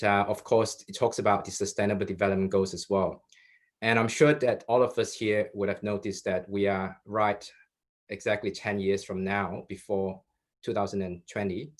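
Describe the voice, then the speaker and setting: A young man, co-moderating a webinar in a loose, conversational way with frequent ums and restarts, on a video-call mic. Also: fairly low pitch. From Malaysia. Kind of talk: live webinar hosting.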